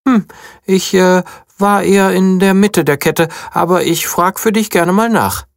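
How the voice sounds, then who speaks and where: A storyteller voicing a small, earnest male bunny who guards a wall in a children's story, in a high, insistent voice. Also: unhurried, creaky, dry recording. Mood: unsure.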